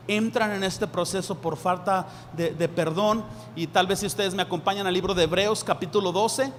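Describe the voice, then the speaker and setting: A man preaching a sermon as a pastor, acting out lively dialogues in a raised voice. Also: sits high. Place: church hall. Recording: reverberant hall, faint room noise.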